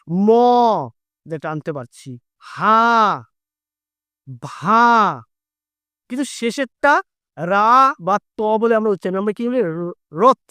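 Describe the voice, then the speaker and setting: High-voiced man teaching patiently. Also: smooth, no room sound, studio quality. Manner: asks questions and drags out syllables to demonstrate. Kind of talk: explaining a lesson to students.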